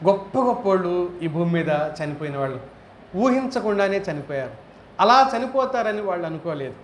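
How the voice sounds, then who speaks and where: A male preacher delivers a sermon in a high voice, firing question after question and climbing into forceful emphatic peaks. He is recorded in an echoey hall with faint background ambience. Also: a little hiss or hum. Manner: rhetorical questions, rising to emphatic high bursts.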